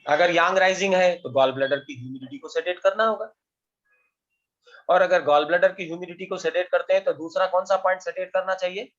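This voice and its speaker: A fairly high-voiced man leads an online class, firing quick questions at his students as he explains. The sound is dull and lo-fi, like audio from a video call. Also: a bit bright. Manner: quizzing students with quick questions, mixing Hindi and English. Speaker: acupuncture teacher.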